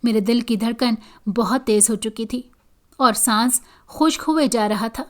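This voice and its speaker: Slightly high-voiced woman storyteller. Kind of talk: scripted first-person horror narration.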